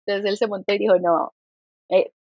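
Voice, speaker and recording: A Colombian woman with a mixed Santander and Bogotá accent, a guest telling a lively story and quoting herself as she goes. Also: mid-range voice, a little fast, no room sound, lo-fi sound. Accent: Colombian, mix of Santander and Bogotá. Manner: animated, quotes herself, laughs often. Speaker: podcast guest, company founder. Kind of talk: casual interview storytelling.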